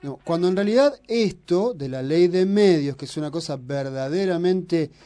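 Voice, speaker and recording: A man's voice: a little high, animated, normal speed, mellow. A man with an Argentine accent hosting a radio show, teasing his co-host and lecturing at length on politics. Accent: Argentine Spanish. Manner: argumentative, provocative, lecturing on politics. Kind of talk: opinionated radio banter.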